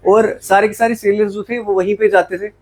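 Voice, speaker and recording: High-voiced man teaching English vocabulary. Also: level tone, brisk, a little mellow, low-quality recording. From Jammu, India. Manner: explains in Hindi mixed with English, asks and answers his own questions. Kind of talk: classroom lecture.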